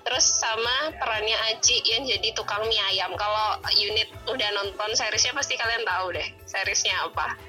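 Bubbly radio co-host girl from malang, bright sharp voice, faint music. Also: mid-range voice, a little fast, hardly any pauses, low-quality recording. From Malang, East Java. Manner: bubbly, gushing. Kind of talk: casual radio chat.

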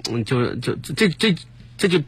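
Animated, stammering man hosting a chat. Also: medium pitch, measured pace, slightly rough, dry recording. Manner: animated, teasing, stammering restarts. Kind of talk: casual group chat. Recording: radio broadcast.

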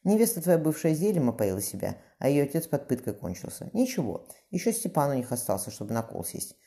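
Man voicing a cruel young tsar, dark and quick. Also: mid-range voice, very animated, vocal fry, pitched above the performer's own voice. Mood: tender.

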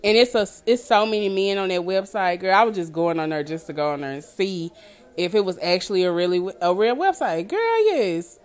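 A woman's voice: lowish voice, brisk. Blunt, profane woman telling stories. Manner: blunt, profane, laughing storyteller. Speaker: podcast co-host. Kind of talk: casual chat.

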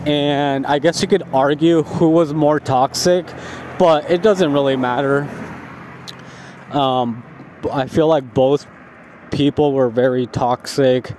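A man who is high and tired, talking in a laid-back, rambling stoner drawl, like a casual spoken diary. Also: darkish tone. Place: outdoors, walking along a residential street at night. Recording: outdoor street noise with passing cars.

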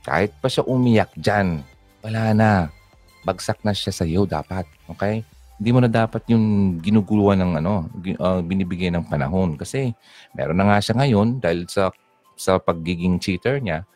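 A man's voice: low voice, a little mellow. A man giving fatherly relationship advice in casual talk, mixing English words into his speech and reading out listeners' messages. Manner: fatherly, mixes English into Tagalog. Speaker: advice host.

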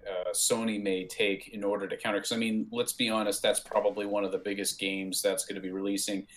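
A man on a casual podcast chat, raising questions in a measured way with some fillers. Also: fairly low pitch, flat delivery.

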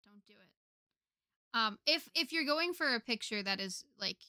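A young woman from the United States chats easily as a podcast co-host. She talks loosely, with plenty of fillers and quick laughs. The sound is close and dry. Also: fairly high pitch, expressive, sharp tone, dry recording. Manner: chatty, laughs often, many fillers. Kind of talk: casual chat.

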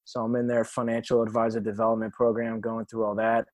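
A man's voice: lowish voice, monotone, fast, dry recording. Brief: man in his twenties, New York accent, boisterous podcast guest, dry close sound. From South Florida. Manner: loud, boisterous and joking. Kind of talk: casual podcast conversation.

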